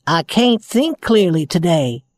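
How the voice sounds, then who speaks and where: A man's voice: high-pitched, big pitch swings, a little slow, no room sound, pitched above the performer's own voice. A man voicing a kind, cheerful rag doll girl in a children's storybook reading.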